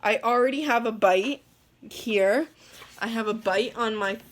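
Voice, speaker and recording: A young woman from the northeastern US rambling through a story in a casual vlog, full of "like" and quick laughs. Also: fairly high pitch. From northeastern United States. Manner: rambling, lots of "like", laughs mid-sentence. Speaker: vlogger.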